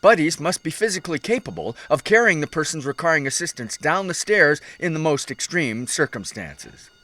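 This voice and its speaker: A man reading scripted safety instructions as a narrator, in a measured, instructive way. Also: fairly high pitch, expressive, bright, forceful tone, dry recording.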